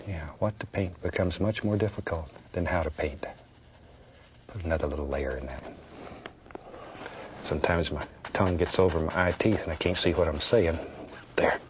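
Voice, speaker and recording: A man teaching painting as he works, talking in a gentle, soothing, folksy and encouraging way, like a kindly instructor. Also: low-pitched, normal speed, long pauses, a little hiss or hum. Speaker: painting instructor and show host. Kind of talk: unscripted painting demonstration, talking while working.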